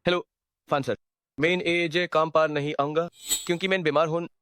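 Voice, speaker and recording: A man's voice: fairly high pitch, fairly even intonation, moderate pace, fairly bright tone, a little hiss or hum, natural voice. A man voicing a young worker stuck in a time loop, exasperated and muttering to himself in a dubbed drama. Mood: resigned. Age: young adult. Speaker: time-looping young hero.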